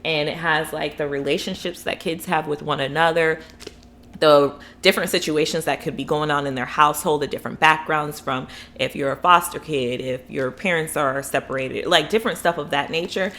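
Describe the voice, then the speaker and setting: Her voice sits low and comes across a bit bright at a moderate pace as this young adult woman from Florida, USA, reviews books. As a book vlogger, she rambles casually and eagerly, sprinkling in fillers and asides.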